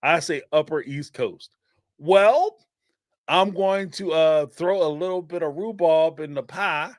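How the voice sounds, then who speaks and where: Slightly high-pitched and measured, this man speaks in studio-quality audio with no echo. He's a Northeastern US live-stream host with a Philly accent fielding call-ins, casual and animated, rambling along with lots of laughs and fillers.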